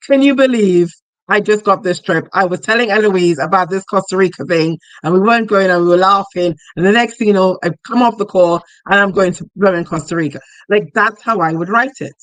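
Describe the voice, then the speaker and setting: Animated chatty woman coach. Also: mid-range voice, a little fast, hardly any pauses, dry recording, rough recording. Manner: animated, acts out quoted voices; chatty, laughs while talking. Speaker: money mindset coach. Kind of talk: casual live teaching.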